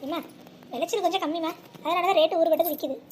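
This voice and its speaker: A woman's voice: very high voice, fast talker, a little mellow. A woman voicing a persuasive male street vegetable vendor, with sing-song hawking, for a cartoon. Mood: coaxing. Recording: faint background noise.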